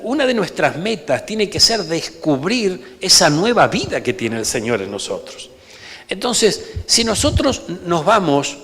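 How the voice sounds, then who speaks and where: Calling repeatedly for amens, a pastor preaches with emphasis in his church, his voice a little high and somewhat bright. He has an Argentine Rioplatense Spanish accent, and the sanctuary sounds reverberant.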